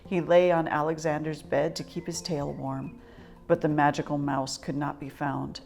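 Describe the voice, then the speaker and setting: As storyteller, a woman with a lowish voice and some vocal fry reads a children's storybook. She is expressive, measured and articulate, and faint music plays around her.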